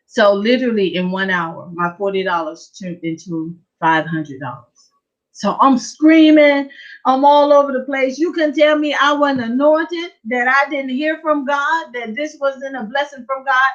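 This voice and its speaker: A woman with a fairly high voice tells her testimony at a church prayer service, acting out her own excitement as she goes. Her storytelling is lively and lively-paced. The sound comes through a dull, lo-fi church livestream. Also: unhurried. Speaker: church speaker giving a testimony.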